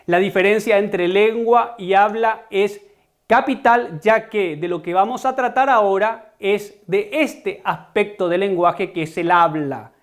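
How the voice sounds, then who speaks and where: A man with a Paraguayan Spanish accent teaches an online lesson in a fairly high voice. He explains each point step by step, stresses the key terms and often turns to address his students directly.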